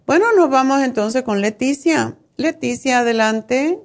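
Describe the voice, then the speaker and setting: A woman's voice: high-pitched, unhurried. A middle-aged woman giving conversational, opinionated health advice as a radio host, direct and familiar with her callers.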